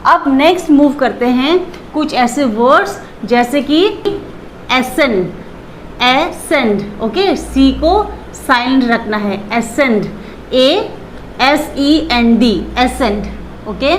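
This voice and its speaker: A woman's voice: high-pitched, slow pace, slight background noise. A woman teaching a pronunciation lesson, spelling out letters and repeating each word. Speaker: English teacher.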